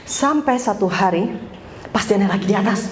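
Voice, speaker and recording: A woman pastor giving a conversational sermon, telling a personal story with lively storytelling and frequent laughter, acting out dialogue. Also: medium pitch, normal speed. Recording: echoey church hall, faint room noise.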